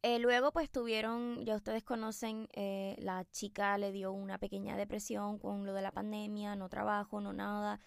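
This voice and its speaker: A woman's voice: mid-range voice, completely flat delivery, normal speed, gravelly, few pauses, smooth, dry recording, studio quality. A woman hosting a podcast, telling a story casually and chattily with many fillers and asides to her listeners. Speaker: podcast host.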